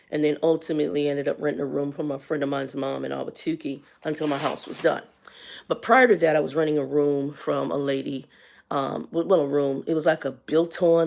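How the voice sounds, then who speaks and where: A woman's voice: sits low, vocal fry, darkish tone. A woman in her fifties telling a personal story on a casual livestream, candid and colloquial, with faith-based asides. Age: 50s. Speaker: livestream host.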